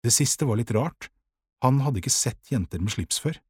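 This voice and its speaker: Husky male audiobook narrator. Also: medium pitch, no room sound, clean studio sound. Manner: calm, measured storytelling.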